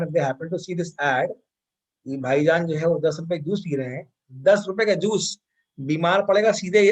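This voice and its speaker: A man with an Indian accent teaching vocabulary in an online class, switching between Hindi and English and repeating words. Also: sits high.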